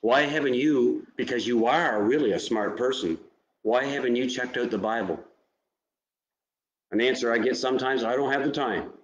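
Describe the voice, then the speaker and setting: A man's voice: medium pitch, moderate pace, reverberant, highs cut off. A man preaching a sermon as pastor, speaking earnestly and directly to his listeners. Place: church sanctuary.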